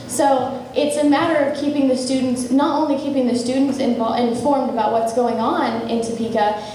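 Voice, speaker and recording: A young adult woman running for student government president answers debate questions earnestly and eagerly, speaking in fluent run-on sentences. Her voice is fairly high with a dark tone. She's recorded from far off in an echoey room, with faint noise.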